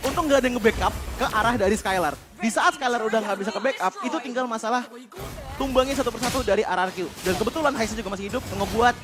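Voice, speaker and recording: Fast, high-voiced male esports analyst, Indonesian accent. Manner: long detailed explanations peppered with English game terms. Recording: loud music behind the voice. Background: music.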